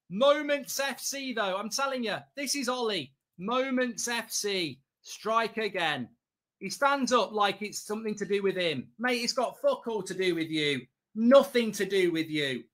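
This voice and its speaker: Blunt man with a sharp, forceful voice. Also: very high voice. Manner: exasperated, blunt, sweary. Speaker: football watchalong host. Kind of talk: live fan reaction commentary. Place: indoor streaming studio.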